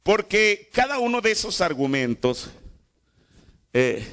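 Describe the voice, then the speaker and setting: A man's voice: high-pitched, sing-song, slow, a bit bright, clear, resonant tone. A man preaching a sermon in a church, repeating phrases and asking the congregation rhetorical questions. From Mexico. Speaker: pastor.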